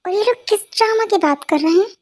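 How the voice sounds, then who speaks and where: A woman's voice: extremely high pitch, quick pace. A woman voicing an anxious young wife who worries aloud about her husband in a dubbed fan story. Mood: worried. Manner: worried, self-reassuring.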